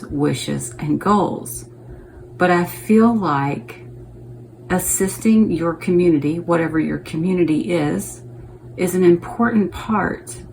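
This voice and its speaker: A woman's voice: lowish voice, darkish tone, slight background noise, poor audio. A woman giving a casual, chatty tarot reading to her viewers, thinking aloud and checking in with them as she goes. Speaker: tarot reader.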